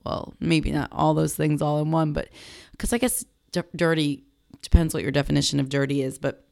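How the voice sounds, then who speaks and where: Low, gravelly woman chatting into a headset. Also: fairly even intonation, normal speed, darkish tone, no echo, clean studio sound. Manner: rambling, self-joking, chatty. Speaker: podcast host and sex educator. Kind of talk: unscripted solo podcast chat. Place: home studio in a big US city. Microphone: headset mic.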